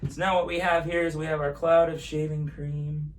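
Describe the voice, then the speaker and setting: A man with a fairly high voice hosts a magic show like a kids party magician. His patter is playful and chatty, speaking straight to the viewers. He is recorded a little away from the mic, with faint room noise around him. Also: flat delivery, normal speed. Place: at home in an apartment. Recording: distant mic, noisy room ambience.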